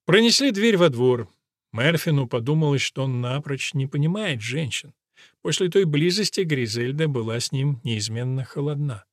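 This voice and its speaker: A man reading an audiobook in a steady, even storytelling manner. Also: medium pitch, normal speed, no room sound, clean studio sound. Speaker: audiobook narrator. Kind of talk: scripted audiobook narration.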